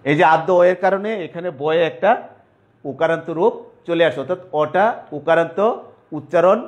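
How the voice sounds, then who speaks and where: Man, teacher, online grammar lesson, slightly high voice, slow repetitive dictation. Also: dull audio. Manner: slow, repetitive dictation, spelling out terms piece by piece.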